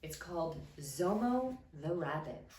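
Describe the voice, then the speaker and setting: Animated, slow-paced woman telling a trickster tale. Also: on the low side, a little hiss or hum. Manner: dramatic, expressive storytelling with deliberate emphasis. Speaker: storyteller reading a picture book. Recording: roomy echo, mic at a distance.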